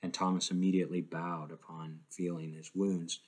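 A man preaching a sermon, swinging from loud emphatic declarations to quiet, hushed lines, with frequent fillers and restarts. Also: low voice, little pitch movement, normal speed, husky.

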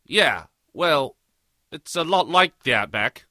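A man's voice: a little high, lively intonation, slow, sharp tone, no echo, clean studio sound, heavily acted. A man playing a brash Aussie adventurer. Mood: cocky. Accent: Australian. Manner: brash, joking, full of slang. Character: brash Australian male adventurer, boastful and cheeky. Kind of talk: audio drama acting.

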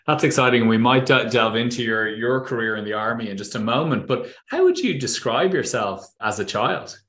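A man's voice: mid-range voice, lively intonation, normal speed, fairly bright tone, roomy sound. A man hosting an interview podcast, asking chatty, friendly questions with some restarts. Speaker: podcast host.

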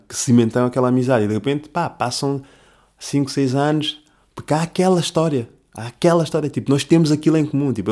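Man, young adult, dark mellow tone, mid pitch, slangy rambling podcast chat. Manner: rambling, slangy, self-correcting. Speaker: podcast host. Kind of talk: casual monologue.

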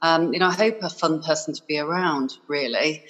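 A woman's voice: low voice, fairly quick, in a large hall, highs cut off. A woman from Hong Kong raised in England, talking effusively as a podcast guest with many fillers. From born in Hong Kong, raised in Yorkshire, England. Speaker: podcast guest, business owner. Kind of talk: conversational interview.

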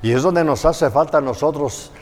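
A man preaching a sermon, slow and emphatic, building on repeated phrases. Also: on the high side, a little mellow. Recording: long church reverb.

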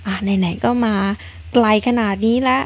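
A woman's voice: medium pitch, moderate pace, slightly rough. A woman casually narrating a story game, chatty and polite, thinking aloud as she reads along. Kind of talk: casual let's-play narration.

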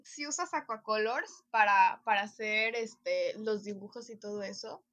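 A woman's voice: medium pitch, measured pace, a bit bright, no room sound, studio quality. A young adult woman with a Mexican accent, a guest in a casual podcast chat, complaining in an exaggerated, joking way. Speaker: guest, makeup artist.

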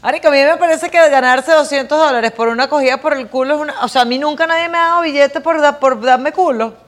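A woman with a Venezuelan accent in casual podcast chat, blunt and quick to laugh. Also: sits high. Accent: Venezuelan Spanish.

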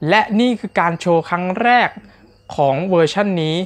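A man's voice: high-pitched, normal speed. A man narrates a recap of a competition show in a casual, chatty way. He speaks directly to the audience and keeps his tone polite throughout. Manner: chatty, talks straight to viewers, polite particles throughout.

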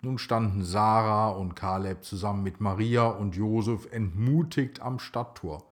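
A man narrating a children's story in a slow, expressive way. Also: lowish voice.

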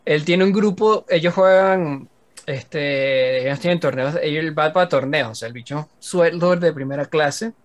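A man's voice: a little high, normal speed. A young man with a Venezuelan accent, co-hosting a casual podcast chat and rambling through a list of his games. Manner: rambling, listing game hours with laughs. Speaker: podcast co-host.

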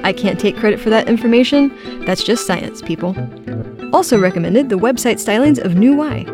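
A woman's voice: fairly high pitch, expressive, a little fast, music in the background. A woman podcast host reading a playful, mock-earnest advert in the manner of a chipper 1950s commercial.

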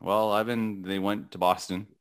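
Gravelly-voiced man rambling about sports. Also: lowish voice, little pitch movement. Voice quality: gravelly morning voice. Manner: rambling, halting with many restarts and fillers. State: voice cracking. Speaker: podcast co-host. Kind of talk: casual sports podcast chat.

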